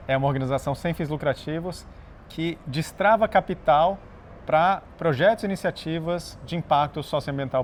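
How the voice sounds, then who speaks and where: A man born in Chile, an interview guest and nonprofit founder, telling his story in a measured, explanatory way with some hesitations. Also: on the high side, a little hiss or hum. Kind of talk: relaxed conversational storytelling.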